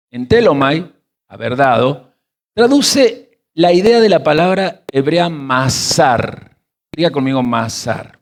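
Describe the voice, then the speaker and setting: A man teaching a sermon. He reads verses, then explains word roots slowly and quizzes his listeners. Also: a little high. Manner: animated, stretches key words slowly. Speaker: pastor teaching scripture.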